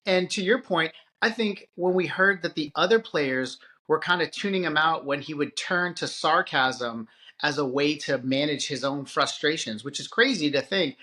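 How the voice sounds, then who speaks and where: A man's voice: a little high, moderate pace, sharp tone. A middle-aged man co-hosting a podcast, talking in a thoughtful, hesitant way with many restarts. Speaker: podcast co-host. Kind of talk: casual chat.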